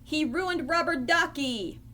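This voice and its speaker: A woman voicing Ernie, an excitable, playful puppet boy from a storybook, who breaks into high, loud outbursts. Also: takes it slowly, full character voice. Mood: angry.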